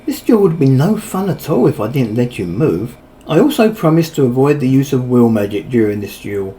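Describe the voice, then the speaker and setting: A man's voice: mid-range voice, big pitch swings, moderate pace, warm tone. A man voicing a smug, overpowered male villain mage who taunts his victims with casual cruelty. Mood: gloating. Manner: mocking, cocksure, casually cruel.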